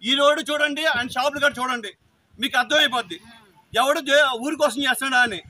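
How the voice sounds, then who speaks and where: A man's voice: extremely high pitch, brisk, pushed and bright. A man, angrily complaining to officials outdoors and pleading for action. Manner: agitated, pleading, repetitive. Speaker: local villager complaining.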